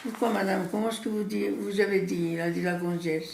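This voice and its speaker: A woman in her eighties from Italy, speaking French with an Italian accent as her second language. She tells her story in halting, simple sentences and often repeats words. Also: mid-range voice, fairly even intonation, gravelly, a little mellow, a little hiss or hum. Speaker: interviewee recounting her immigration. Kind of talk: personal storytelling. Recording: echoey room.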